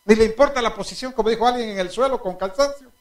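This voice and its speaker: A man's voice: very high-pitched, fast talker. A male pastor preaching a sermon, telling anecdotes with laughter and asking the congregation direct questions. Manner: animated storytelling, laughing at his own anecdotes.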